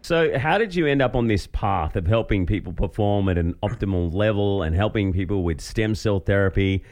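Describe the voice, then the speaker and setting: An Australian man hosts a podcast, chatting informally in a casual interview with plenty of self-mockery. A professional voiceover artist, he has a lowish, darkish, expressive voice and talks at a normal speed.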